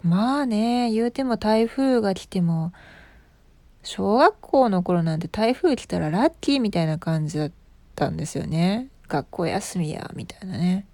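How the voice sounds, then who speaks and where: A woman's voice: on the low side, vocal fry, mellow, no room sound. A woman in her thirties with an Osaka accent, hosting a casual live stream, chatting about listeners' comments and laughing often. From Osaka, Japan. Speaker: livestream host.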